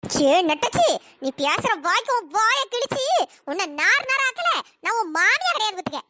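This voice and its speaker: A woman's voice: very high-pitched, sing-song, moderate pace, pushed and bright, dry recording, studio quality, heavily acted. A woman voicing a furious, cursing old mother-in-law in a cartoon. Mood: furious scolding. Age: older. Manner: shrieking, cursing, scolding. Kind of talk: cartoon voice acting.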